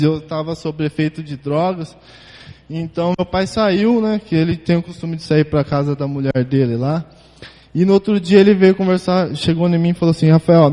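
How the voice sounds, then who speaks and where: A man's voice: on the high side, mellow, big-room sound. Emotional Brazilian man giving church testimony. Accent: Brazilian Portuguese. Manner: emotional, halting, repeats words.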